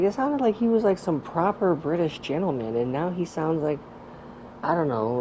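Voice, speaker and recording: Brief: woman streamer, low mellow voice, casual rambling commentary full of "like". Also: a little hiss or hum, poor audio. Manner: chatty, rambling, lots of "like", animated asides.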